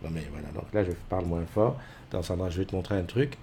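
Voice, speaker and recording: Speaking quickly in a low, mellow voice, this middle-aged man hosts a casual morning stream from his home desk mic with webcams. There's a little hiss or hum on the audio as he rambles, full of fillers, calling out viewers by name.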